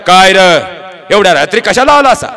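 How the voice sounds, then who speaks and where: A man voicing a gruff fort guard who speaks curtly and dismissively. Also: high-pitched, animated, normal speed, pushed and bright, heavily acted. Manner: curt, dismissive.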